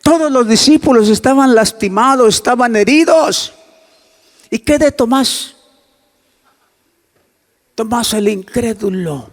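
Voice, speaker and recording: A male pastor preaching a sermon, swinging from soft near-whispers to loud emphatic climbs and acting out dialogue in a hushed voice. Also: very high-pitched, expressive, slow, long pauses, long reverb tail. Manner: acts out quoted dialogue in a hushed voice.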